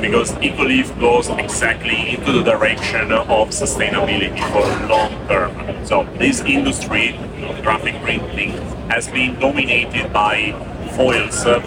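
A man from Italy, explaining his product slowly with many pauses, heard as a low quality stream. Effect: low quality stream, muffled and distant. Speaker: guest, sales director. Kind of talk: explanatory trade interview. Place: trade show floor. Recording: distant lo-fi audio with loud trade-show noise.

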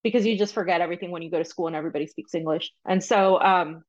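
Her voice is fairly low, captured with lo-fi sound. Born in Peru and raised in Florida, this young podcast guest talks casually in an interview, chatty and rambling with plenty of ums and quick asides.

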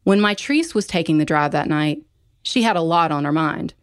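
A woman host reading scripted true-crime narration in a calm, measured way. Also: sits low, clean tone, dry recording, studio quality. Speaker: podcast host, private investigator.

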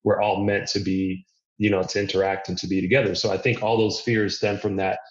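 A man's voice: lowish voice, little pitch movement, fairly quick. Earnest man in an echoey room. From Miami, United States. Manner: earnest, thinking aloud with restarts and "you know". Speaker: podcast guest. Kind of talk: reflective conversational interview. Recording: echoey room, dull lo-fi sound.

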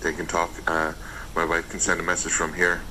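Over noisy phone voice messages, a seller with a low voice presses a buyer he calls "mate" to take action, sounding insistent and defensive. His delivery is completely flat and a little fast.

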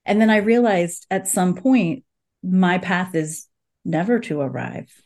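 A woman's voice: on the low side, a little mellow. A woman hosting a casual podcast conversation, searching for words with lots of "like" and asking open, curious questions. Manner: searching, halting, full of "like". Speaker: podcast host.

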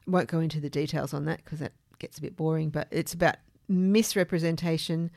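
As a podcast host, a woman explains things in a measured, informal manner with a fairly low, darkish voice, a steady tone, and noticeable vocal fry. The audio is dry, with little room sound and no echo.

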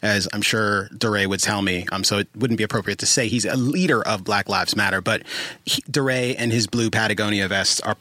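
Male podcast host, bright voice, dry studio sound, playful and a bit hesitant. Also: lowish voice, a little fast, dry recording. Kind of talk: casual chat.

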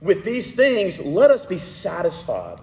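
A man preaching a sermon as pastor, earnest, often dropping to a soft voice for emphasis. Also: high voice, huge pitch swings, takes it slowly. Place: church sanctuary. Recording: roomy church hall with long reverb.

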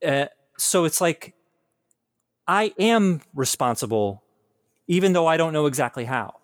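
A man's voice: a little high, expressive, measured pace, dry recording, studio quality. A man hosting an interview podcast, talking in a hesitant, searching way full of restarts. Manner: hesitant, many restarts and fillers. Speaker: podcast host. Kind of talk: casual interview conversation.

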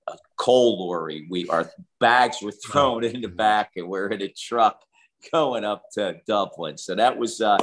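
Deep-voiced middle-aged man, coach-guest type, rambling storyteller with lots of fillers. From United States. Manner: rambling, many fillers and restarts. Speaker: basketball shooting coach, guest. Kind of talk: casual storytelling interview.

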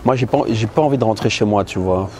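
On a busy city street, a man in his thirties vlogs into a handheld camera, his fairly low, darkish voice moving fast. He talks candidly and bluntly in a casual monologue full of fillers. The noisy outdoor recording carries clear traffic and street ambience under every word.

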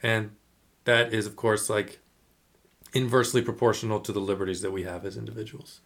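A man's voice: fairly low pitch, level tone, fairly quick, a bit bright. A man hosting a podcast in casual chat, reading passages aloud and explaining them in a loose, rambling way. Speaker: podcast host.

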